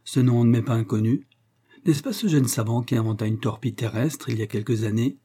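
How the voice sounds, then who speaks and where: A man's voice: mid-range voice, a little fast, mellow, husky, natural voice. A man reading the part of a kindly old male chemistry professor, courteous and thoughtful.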